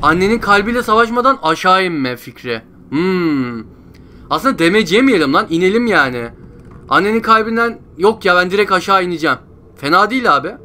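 A man's voice: high voice, animated, brisk, pushed and bright. A young man giving frustrated gameplay commentary, groaning and repeating himself. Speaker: gameplay streamer.

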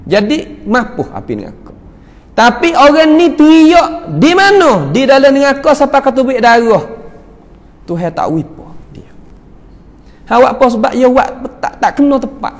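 High-voiced Malay preacher in echoing mosque. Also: male voice, lively intonation, moderate pace. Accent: Kelantan/Patani Malay. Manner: storytelling, quotes Arabic verses then explains them. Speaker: religious teacher. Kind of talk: Quran commentary lesson.

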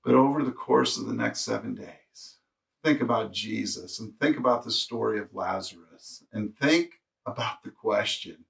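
A male pastor delivers an earnest sermon and reads passages aloud, with pitch at an ordinary middle height. His voice swells to emphatic peaks and then drops back, and it comes from a little way off the microphone. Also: normal speed, vocal fry, a bit bright, recorded from a distance.

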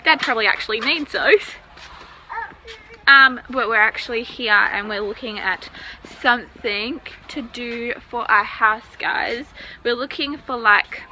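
In this casual to-camera vlog, a young Australian woman addresses her viewers as "guys" while moving between a store and a car, phone at arm's length. Her voice is fairly high and sharp in tone, and she keeps a measured pace. The recording is rough.

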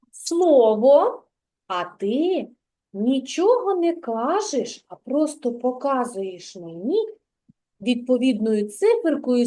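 Patient kindergarten teacher, woman, high gentle voice, mellow tone, unhurried. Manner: patient, slow, encouraging, praising often. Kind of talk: remote literacy lesson with a child.

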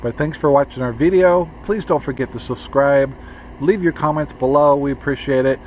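A man's voice: mid-range voice, moderate pace. Middle-aged male RV vlogger, laid-back and rambling, slightly muffled audio with a faint hum. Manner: relaxed, rambling, with many fillers. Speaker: RV travel vlogger. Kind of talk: casual travel vlog chat. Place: in a pickup truck, then outdoors beside an RV.

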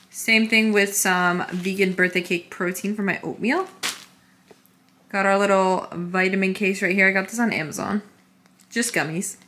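A woman's voice: lowish voice, bright, forceful tone, slight background noise. A young woman chatting casually as a fitness vlogger, talking to a handheld camera on a stick in a bubbly, chatty way. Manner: bubbly, chatty, says "super" and "literally" a lot. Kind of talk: casual vlog.

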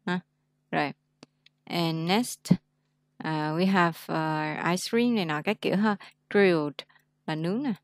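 A woman's voice: on the low side, slow pace, long pauses, dry recording, studio quality. A young woman teaching an English lesson on a video call, chatty and laughing often, mixing English words into her explanations. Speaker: English tutor. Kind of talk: casual online lesson.

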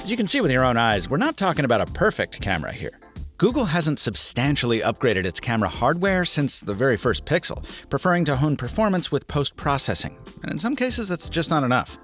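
A man in his thirties from the United States narrating a scripted tech review with lively, emphatic delivery. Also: fairly quick. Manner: lively, emphatic delivery with wide pitch swings. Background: faint music.

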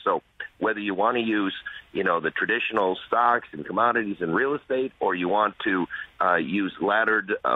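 A man joins a radio interview as a guest author. He talks quickly and hammers his points home through repetition. His voice is a little husky, and it comes through a thin, phone-like line. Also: lowish voice, no echo. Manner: emphatic, repetitive, persuasive.

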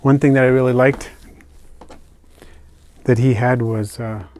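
An older man casually narrating a hobby vlog as he unpacks and shows his isopod purchases, talking in a relaxed, chatty way with fillers and soft asides. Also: mid-range voice, a little slow. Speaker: isopod keeper unboxing purchases. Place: indoors at a table, hands on camera.

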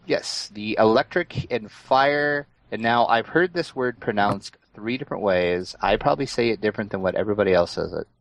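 A man co-hosting a casual gaming podcast, calmly explaining new features step by step. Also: lowish voice, normal speed, gravelly, hardly any pauses, no room sound, low-quality recording. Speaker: podcast co-host.

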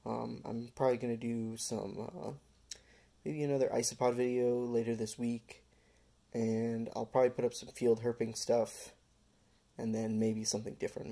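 A man with a gravelly, mellow voice hosts a casual pet care vlog. He rambles in a relaxed way, with lots of "um"s and "uh"s between thoughts. His pitch sits in an ordinary middle range. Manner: relaxed, rambling with many fillers. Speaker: pet-keeping channel host.

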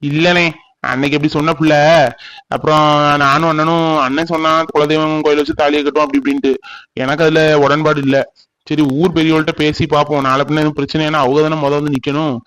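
A brooding, heartbroken young villager, voiced by a man,. His cartoon voice sits fairly high and comes out mournful, pleading and slow with tears. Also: level tone, a bit bright, lightly acted, poor audio. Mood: troubled. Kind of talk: cartoon voice acting.

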